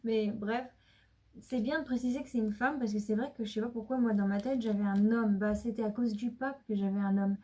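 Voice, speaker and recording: A woman's voice: fairly high pitch, steady tone, brisk, warm tone. A woman giving a casual, chatty card reading to her viewers, rambling with many restarts and sometimes dropping to a whisper. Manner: drops to a whisper at times. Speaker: card reader. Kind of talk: casual tarot reading to camera.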